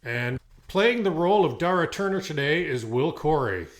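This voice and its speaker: A man's voice: fairly high pitch, animated, moderate pace. A middle-aged man hosting a podcast, reading an upbeat introduction with a few fillers. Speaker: podcast host.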